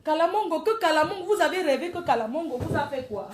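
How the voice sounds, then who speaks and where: A woman's voice: high voice, expressive, quick pace, noisy background. A woman, ranting defiantly and taunting her critics on a Facebook live video. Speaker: social media livestreamer.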